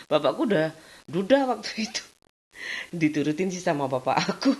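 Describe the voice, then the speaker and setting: A woman's voice: lowish voice, big pitch swings, normal speed, darkish tone. A woman chatting casually in her home vlog, laughing often. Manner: chatty, laughs often, mixes in Javanese words. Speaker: vlogger.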